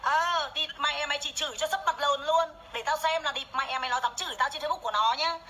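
This is an angry, foul-mouthed livestream rant from a woman whose voice sits high, pushed and bright, as she talks fast and swears nonstop while doing her makeup. She is furious and scolding. Recorded on her phone camera, the audio is low quality with a faint hiss or hum.

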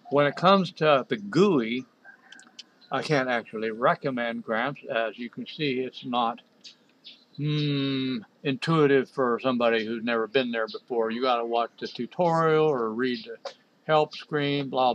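A man narrating a screen-recorded software walkthrough, talking to himself in an exasperated way as he clicks around. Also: mid-range voice, a little hiss or hum, poor audio. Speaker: software developer reviewing a program.

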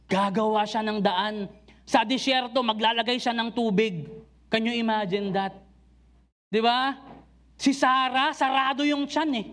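High-pitched man preaching a sermon. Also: fairly even intonation, a little slow. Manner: calls out to the congregation with rhetorical questions; dramatic, swings between loud urging and low intensity. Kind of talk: sermon mixing Tagalog and English. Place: church service.

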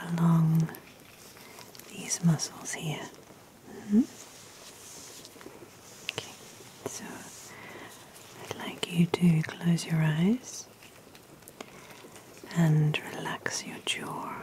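A woman whispering gentle, reassuring instructions in a slow ASMR massage roleplay. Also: on the low side, poor audio. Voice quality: whispering, soft and soothing.

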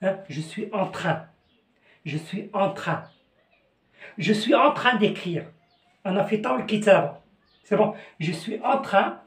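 A man with a Moroccan accent teaching French, slowly repeating phrases and switching between languages. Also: high-pitched, animated. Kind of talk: language lesson. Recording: echoey room.

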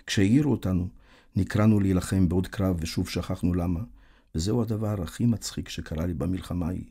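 A man with a very low, dark and mellow voice reads a literary audiobook. His delivery is measured and reflective, unhurried storytelling. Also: breathy edge. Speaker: audiobook narrator.

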